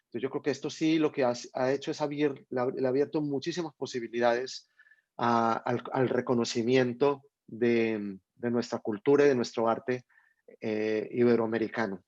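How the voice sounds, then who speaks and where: With a mid-range, darkish voice and fairly even intonation, this guest writer from Medellín, Colombia, talks at a moderate pace over a video call. He's reflective and hesitant, frequently repeating words and starting over. The lo-fi call sound is dull, with no room sound.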